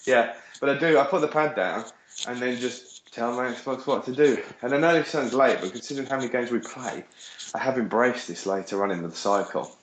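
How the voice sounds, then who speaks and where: A man's voice: mid-range voice, a little fast. Sweary Brummie man in an echoey room. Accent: Birmingham. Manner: rambling, sweary, animated. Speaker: podcast co-host. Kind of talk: casual podcast chat. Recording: echoey room with faint noise.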